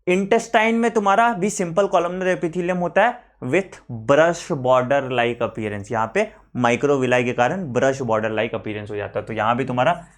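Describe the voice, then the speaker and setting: An Indian man teaches an online exam-prep biology class, talking the students through a diagram on screen. He slows right down to spell out the technical terms and repeats key phrases. He keeps checking in with a quick "okay" in Hindi. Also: mid-range voice.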